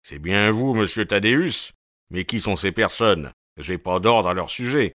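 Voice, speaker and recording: Gruff stocky ex-boxer porter, voiced by a man, blunt and suspicious, audiobook, dry close read. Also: fairly low pitch, animated, a little slow, a bit bright, no room sound. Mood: stubborn. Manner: blunt, colloquial, dropping negations.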